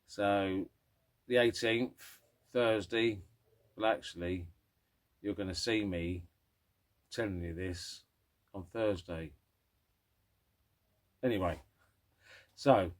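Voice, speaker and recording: Low-voiced grumpy man, rambling. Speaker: host of a classic car vlog. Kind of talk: casual, rambling vlog talk.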